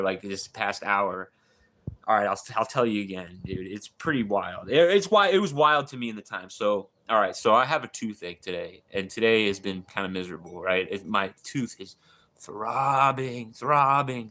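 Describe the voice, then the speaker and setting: Rambling, excitable man livestreaming. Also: fairly low pitch. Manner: rambling, excitable, swears a lot, says dude and bro. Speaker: live streamer. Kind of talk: casual rambling livestream talk.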